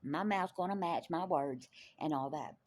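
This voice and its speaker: A woman tells her faith testimony in an animated way, laughing often and repeating lines for emphasis. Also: deep voice, normal speed. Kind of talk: testimony storytelling.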